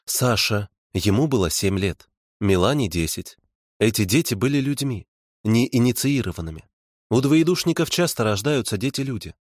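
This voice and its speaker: A man voicing a calm woman investigator who lays out facts softly and pointedly. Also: medium pitch, moderate pace, no room sound, studio quality, natural voice.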